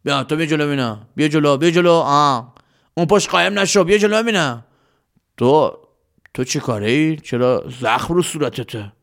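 A man's voice: a little high, expressive, a bit bright. A man voicing a bossy bandit leader who barks orders and scolds impatiently. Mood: demanding.

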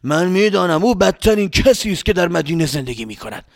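A man's voice: sits high, sing-song, vocal fry, dry recording, studio quality, pitched above the performer's own voice, exaggerated voice. A man voicing a rude, hot-tempered grown man traveler in a children's story, scolding and grumbling to himself. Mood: suspicious. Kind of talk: storybook character voice.

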